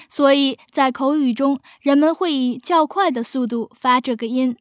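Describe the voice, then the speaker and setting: High-voiced woman teaching pronunciation. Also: no room sound, studio quality. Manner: clear, careful explanation with slowed examples. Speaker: English teacher and host. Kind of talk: scripted radio lesson.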